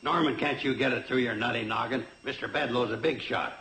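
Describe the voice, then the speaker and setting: A man's voice: mid-range voice, brisk, bright, forceful tone, close to an everyday voice. An actor playing a folksy, scornful small-town man with exasperated phrasing in a 1960s television sitcom. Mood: scornful, grumbling. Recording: roomy, noisy old television soundtrack.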